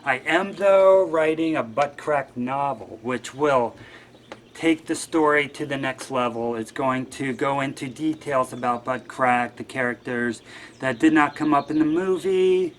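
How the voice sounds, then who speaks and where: A man's voice: mid-range voice, unhurried, slight background noise. A man guest-hosting a show, talking in a rambling, wry and offhand way. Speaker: guest host. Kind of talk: casual monologue.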